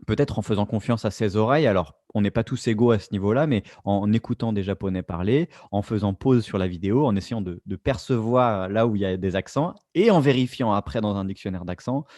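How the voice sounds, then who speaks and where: A man's voice: on the low side, a little mellow, no echo, studio quality. A man co-hosting a casual podcast, thinking aloud and often restarting his phrases. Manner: reflective, restarts phrases, many fillers. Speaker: podcast co-host.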